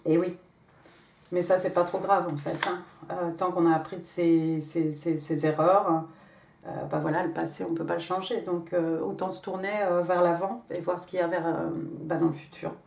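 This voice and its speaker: A woman's voice: fairly low pitch, little pitch movement, normal speed, creaky, darkish tone, echoey room. A woman giving a casual tarot reading, chatty and rambling, thinking aloud with many fillers and slipping English card phrases into her French. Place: home in England.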